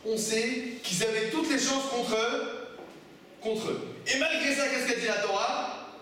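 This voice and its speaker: A rabbi teaches a class of students, pressing them with emphatic questions. His voice sits high for a man. The room echoes heavily and he is recorded from a distance. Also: unhurried, sharp tone. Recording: echoey room, from far off, faint noise.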